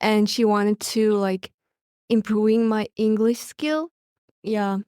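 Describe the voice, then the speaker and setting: A woman's voice: medium pitch, flat delivery, slow, warm tone, smooth, no room sound, clean studio sound. A teenage exchange student from Mongolia with a Mongolian accent, talking hesitantly and searching for her words in a casual interview. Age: teens.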